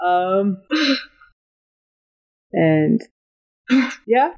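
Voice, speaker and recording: A woman narrating as game master of a tabletop game, laughing often and pausing on fillers. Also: fairly low pitch, expressive, gravelly, narrow, tinny audio. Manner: laughing, halting, with many fillers.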